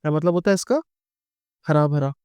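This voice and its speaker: A man's voice: a little high, a little fast, a little mellow, clean tone, no room sound. A middle-aged man with an Indian English accent gives an exam-prep grammar lecture. He explains patiently, keeps checking in with his students, and asks them questions that he then answers himself.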